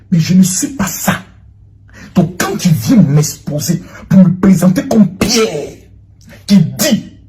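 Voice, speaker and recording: A man giving an impassioned, accusatory monologue, swinging between loud outbursts and hushed lines. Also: high-pitched, a little hiss or hum. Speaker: public figure answering a former protégée.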